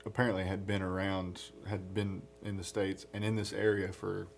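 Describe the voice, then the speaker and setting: A man's voice: sits low, level tone, normal speed, vocal fry, faint music behind. A man co-hosting a podcast in casual chat, often laughing as he tells stories. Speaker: podcast co-host.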